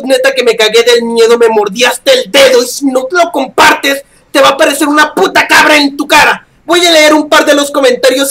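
A man's voice: extremely high pitch, sharp tone. A young man with a Mexican accent giving horror gameplay commentary, shrieking in panic and swearing constantly. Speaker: gaming youtuber.

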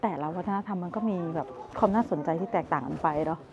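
A woman in her thirties with a lowish voice and vocal fry talks fast while tasting snacks at a market for her travel vlog. Chatty and commenting, she speaks straight to viewers in this casual food and market video. Her arm's-length handheld camera captures muffled outdoor sound and street noise.

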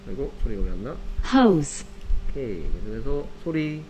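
A man with a Korean accent tutors a student in a one-on-one phonics drill. He prompts with short, brisk cues and stays patient. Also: medium pitch, lively intonation, dark tone, slight background noise, low-quality recording.

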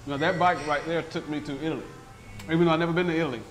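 A man's voice: on the high side, steady tone, racing, low-quality recording. A man hosting a local TV food segment, tasting dishes at a restaurant table and gushing over them in casual, enthusiastic chat. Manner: effusive, enthusiastic, chatty. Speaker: TV food show host.

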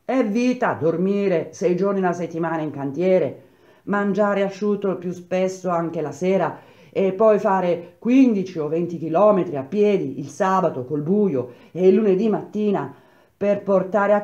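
A man's voice: high-pitched, a little mellow, close to an everyday voice. A man reading as an indignant country laborer, muffled lo-fi.

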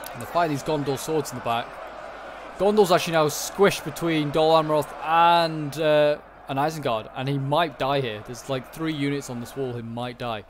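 A man's voice: a little high, moderate pace. A man giving casual commentary on a strategy game battle, thinking aloud as he watches. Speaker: gaming commentator. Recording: noticeable background noise, game ambience. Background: video game battle ambience.

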